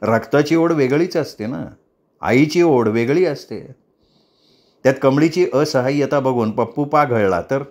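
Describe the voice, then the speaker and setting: Male audiobook narrator, measured and reflective, mid-pitched. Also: a little mellow. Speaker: storyteller.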